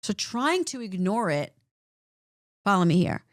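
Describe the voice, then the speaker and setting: A woman's voice: mid-range voice, a little slow, no room sound, studio quality. A woman clinician co-hosting a podcast, explaining points in a conversational way and often checking in with "right?". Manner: animated, repeats points with "right?".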